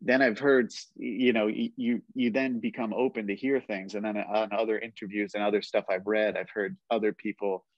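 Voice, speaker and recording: A man with a lowish voice hosts a podcast in easy, rambling conversation and keeps leaning on "like" as he goes. The sound is dry and close, with a slightly dull, muffled top end. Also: normal speed, hardly any pauses, no room sound. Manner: rambling, heavy use of "like", relaxed. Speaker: podcast host. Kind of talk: casual interview chat.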